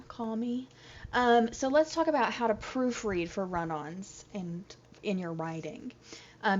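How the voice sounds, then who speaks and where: A woman's voice: mid-range voice, darkish tone, a little hiss or hum. A woman teacher recording a slide lecture, chatty, explaining step by step with examples. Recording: dull lo-fi audio.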